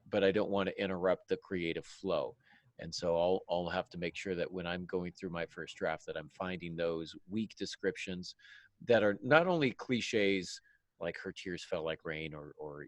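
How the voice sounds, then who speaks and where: This low-voiced man hosts a casual podcast about writing tips and also writes fiction himself. He comes across self-deprecating and jokey, and the recording has no room sound.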